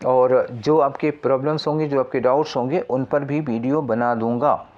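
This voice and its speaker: A man's voice: medium pitch, fairly even intonation, moderate pace, darkish tone, lo-fi sound. Man teaching an exam prep lesson. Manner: explains step by step, asking and answering own questions.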